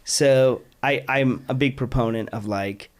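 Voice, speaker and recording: A man's voice: mid-range voice, measured pace. A man from Utah hosting a podcast, talking in an enthusiastic, rambling way with lots of restarts and fillers. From Utah, United States. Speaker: podcast host. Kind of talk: casual interview chat.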